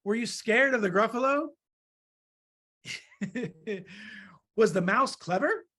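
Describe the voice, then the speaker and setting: Woman, storytime read-aloud, lively pitch swings, laughs often, playful character voices. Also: slow pace. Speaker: art teacher reading a story aloud.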